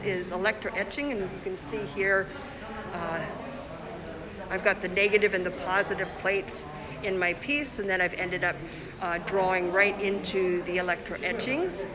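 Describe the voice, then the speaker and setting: A woman from the Congo, an artist, chats her way through a casual livestream tour of her own show. She talks into a handheld phone as she walks around an indoor gallery, with a clear murmur of opening-night crowd behind her. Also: fairly low pitch, low-quality recording. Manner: chatty, showing work while walking around. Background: gallery crowd chatter.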